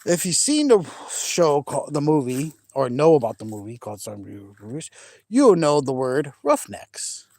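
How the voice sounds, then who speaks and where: His voice sits a little high, with big pitch swings, a normal pace and a slightly mellow tone, and there's no room sound. The middle-aged New Englander from Maine, faint accent and all, chats with viewers live on a hand-held phone camera outdoors by a large lake at sunset, rambling, quick to laugh and prone to restarts.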